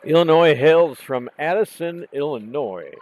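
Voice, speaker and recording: A man calling a junior women's hockey game play by play, hoarse from losing his voice, calm and unhurried, correcting himself now and then. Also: a little high, low-quality recording. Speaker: play-by-play commentator. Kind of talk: live hockey commentary. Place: outdoor rink in cold weather.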